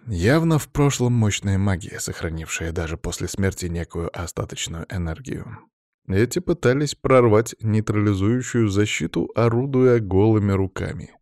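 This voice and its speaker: A man narrating a fantasy audiobook in the first person with steady, measured storytelling. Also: fairly low pitch, no room sound, clean studio sound.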